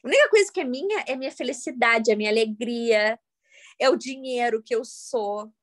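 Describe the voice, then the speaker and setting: A woman, giving a live workshop talk to an audience, telling stories in a jokey, animated way with sudden loud, high bursts. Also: fairly quick. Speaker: workshop facilitator.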